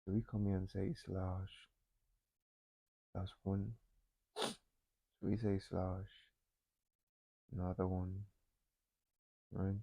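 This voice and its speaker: A man talking himself through a coding tutorial, thinking aloud with frequent pauses and fillers. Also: sits low, little pitch movement, gravelly, warm tone, dry recording, low-quality recording. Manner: thinking aloud, many ums and restarts. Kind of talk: casual screen-recorded coding walkthrough.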